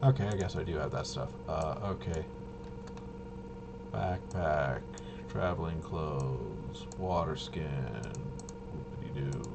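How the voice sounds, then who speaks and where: Heavy background noise surrounds a very deep, creaky male voice moving at a slow pace. It's the host of a tabletop RPG channel, chatting casually and thinking aloud during a game walkthrough, muttering, rambling and adding playful interjections.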